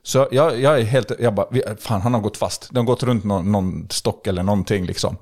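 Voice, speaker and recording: A young man telling a story in a casual podcast chat, animated and full of fillers and restarts. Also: fairly low pitch. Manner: animated, acts out dialogue, lots of fillers and restarts. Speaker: podcast guest.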